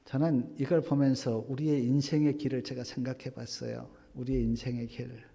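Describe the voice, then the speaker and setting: A male pastor preaching a sermon, swinging from loud exclamations to hushed whispers and acting out quoted prayers. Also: mid-range voice, little pitch movement, normal speed, vocal fry. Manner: acts out quoted prayers and complaints. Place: church sanctuary. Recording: long hall reverb.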